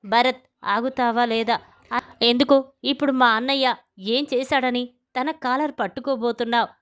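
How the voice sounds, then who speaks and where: Brief: an indignant, accusing young woman, read by a woman narrator, smooth and high. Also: steady tone, normal speed, fairly bright tone, close to an everyday voice. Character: fierce young woman standing up for her brothers.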